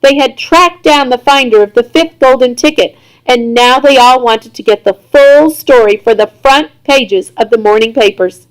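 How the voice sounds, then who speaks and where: A woman reading a children's book aloud chapter by chapter, in an expressive storytelling manner. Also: a little high, normal speed, clean tone, poor audio. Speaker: reader.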